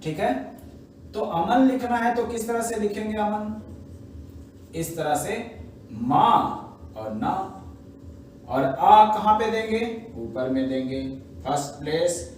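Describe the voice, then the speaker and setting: A man's voice: high voice, darkish tone. A man teaching a shorthand class, explaining step by step and often checking with his students. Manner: slow, repetitive teaching with frequent "है ना" and "ठीक है" checks. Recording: echoey room, mic at a distance, faint background noise.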